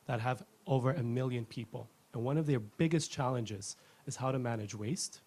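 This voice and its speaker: A man in his thirties from Ethiopia, giving a rehearsed pitch as a company founder in an earnest, fluent way. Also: normal speed, a little mellow.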